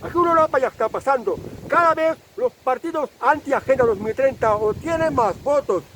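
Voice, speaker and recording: A man from delivers a long political opinion monologue as a channel host. His voice sits very high for a man. He hammers his points through repetition and fills his pauses with small hesitations. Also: expressive, fairly bright tone, a little hiss or hum, poor audio. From Spain. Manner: insistent, repetitive, pauses with fillers.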